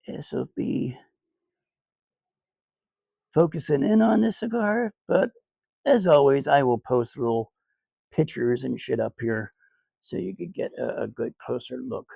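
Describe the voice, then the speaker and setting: Slow, gravelly man in a laid-back vlog. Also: on the high side, dark tone, no room sound. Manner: laid-back, rambling, crude jokes, many fillers. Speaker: cigar reviewer, channel host. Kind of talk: casual outdoor cigar review vlog. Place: outdoors on a sunny day.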